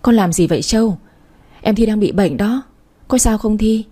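A woman's voice: mid-range voice, normal speed, warm tone, close to an everyday voice. A woman voicing a flustered middle-aged mother who scolds one daughter and dotes on the other. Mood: exasperated scolding. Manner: scolding, exasperated.

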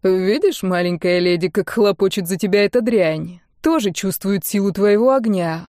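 A woman's voice: mid-range voice, a little mellow, dry recording, studio quality, natural voice. A woman doing a sneering cruel duke. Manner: slow, sneering and contemptuous. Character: cruel, mocking, cold-hearted adult male duke.

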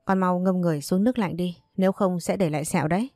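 A woman's voice: on the low side, dark tone, dry recording, clean studio sound, lightly acted. A woman voicing a stern older man who barks orders at his family. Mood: commanding. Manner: barking brisk orders. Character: stern older man, domineering father figure.

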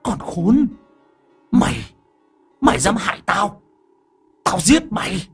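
A man's voice: sits high, lively intonation, slow, breathy edge, soft background music, voice pushed up, heavily acted. A man voicing a vengeful spirit that speaks through a possessed young man, snarling murderous threats.

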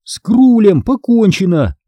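A man voicing an excitable young girl in an audiobook, shrill and exclaiming, desperate and fierce. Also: normal speed, dry recording, clean studio sound, full character voice. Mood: gloating. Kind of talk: audiobook character voice.

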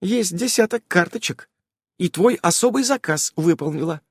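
A man's voice: high voice, expressive, moderate pace, breathy edge, no room sound, clean studio sound, voice pushed up, heavily acted. A man reading an audiobook, voicing a worried, protective witch mother who fusses and complains. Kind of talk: audiobook character voice.

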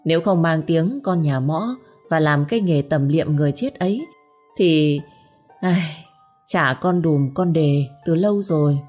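A woman voicing a nosy village gossip who talks loudly on purpose, in a storybook reading. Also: deep voice, a little slow, faint music behind. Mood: mocking gossip.

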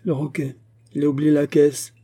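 A hard, resolute vagabond, bitter and curt, as a male narrator puts him on. The voice sits noticeably higher than the reader's own, yet stays husky and dark. He speaks like someone who expects to be insulted and refuses to bow. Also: flat delivery, normal speed. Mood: muttering.

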